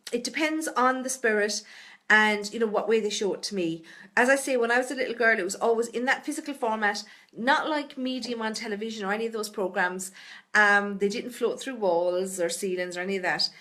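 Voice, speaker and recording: A woman's voice: medium pitch, a bit bright. A middle-aged woman with a Tipperary Irish accent, answering viewers' questions in a chatty, reassuring live stream full of "you know" and "okay?". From Ireland. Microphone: webcam or phone on a live stream.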